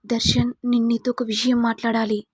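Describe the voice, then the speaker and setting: Woman reading a scheming young woman, pleading and self-pitying, slightly high, husky, dry sound. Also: little pitch movement, fairly quick, a little mellow, no room sound.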